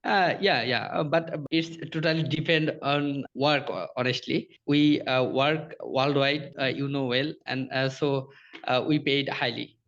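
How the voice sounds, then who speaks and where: A man's voice: mid-range voice, unhurried, a bit bright. A man from Bangladesh with a Bangladeshi accent, a freelance designer on a video call with a client, hesitant and full of uhs. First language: Bengali. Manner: hesitant, many uhs and repeated yeses. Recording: dull lo-fi video call audio.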